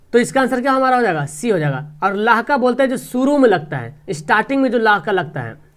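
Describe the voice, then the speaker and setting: A man's voice: sits high, fairly bright tone. A man teaching an online exam-prep grammar lesson, explaining step by step, repeating key terms and quizzing students with repeated questions.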